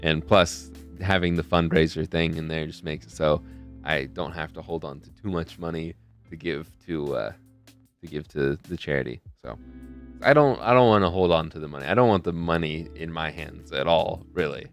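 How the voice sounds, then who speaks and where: A young man with an extremely low voice hosts a charity live stream at a moderate pace, faint music playing behind him. He rambles casually and keeps losing his train of thought, picked up by a desk mic close to his face camera.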